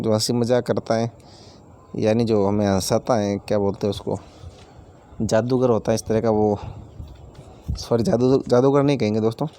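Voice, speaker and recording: A man's voice: medium pitch, mellow. Man teaching a patient grammar lesson. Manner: explains each word with everyday examples, repeats terms; addresses viewers as friends.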